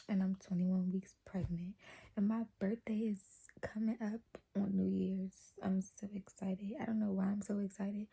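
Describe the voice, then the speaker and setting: Holding the camera close to her face, a young adult woman vlogs casually in a naturally low, creaky, husky voice. She speaks softly and rambles, filling her talk with lots of fillers.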